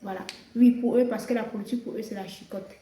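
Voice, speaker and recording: A woman's voice: a little high, fairly even intonation, quick pace, mellow. Young Cameroonian woman talking in an echoey room. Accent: Cameroonian French. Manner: earnest, repeats and restarts words when searching. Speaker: social media content creator. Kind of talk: casual commentary to viewers. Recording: roomy echo, faint background noise.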